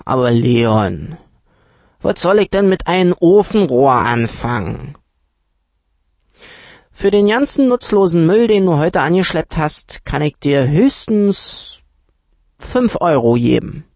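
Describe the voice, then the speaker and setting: A man's voice: big pitch swings, gravelly, a little mellow, no echo, heavily acted. Man doing a stingy, haggling junk-dealer uncle. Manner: pitched-up, drawn-out haggling.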